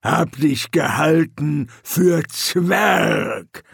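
A man voicing a huge, slow-witted male troll recruit who rumbles his words in scrambled order, in an audiobook. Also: lively intonation, vocal fry, fairly bright tone, slightly rough, no room sound, studio quality, exaggerated voice. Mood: rumbling.

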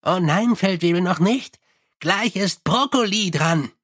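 A man's voice: sits high, animated, unhurried, fairly bright tone, no room sound, clean studio sound, heavily acted. A man doing a chatty, cheeky little corporal. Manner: chatty, eager, unbothered. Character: scruffy small male corporal, chatty and cheeky.

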